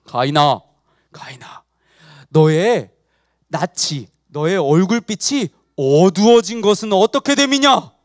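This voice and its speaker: Man doing a slow, solemn fatherly God. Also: sits high, lively intonation, no echo, clean studio sound, voice pushed down. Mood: questioning. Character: God as a grave, fatherly male voice.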